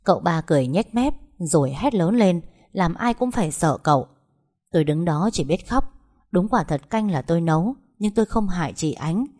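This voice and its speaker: A woman narrating a first-person family drama story in a steady telling voice. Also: on the low side, moderate pace.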